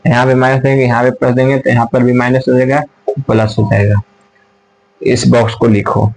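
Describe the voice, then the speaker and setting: A man's voice: mid-range voice, level tone, fairly quick, darkish tone, a little hiss or hum, rough recording. A man teaching a math class at a whiteboard, repeating his points and asking and answering his own questions, sometimes turning away from the camera.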